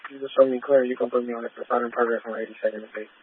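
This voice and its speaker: A man's voice: medium pitch, flat delivery, rapid-fire. A man working as a police officer, calling in short, terse codes over a police radio channel. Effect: police radio transmission. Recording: tinny distant radio with faint static.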